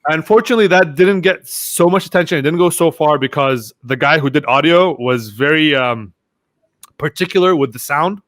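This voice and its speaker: At a moderate pace and with a slightly high voice, a young podcast guest tells casual stories in an interview. He gets animated, performing his friends' lines as he quotes them.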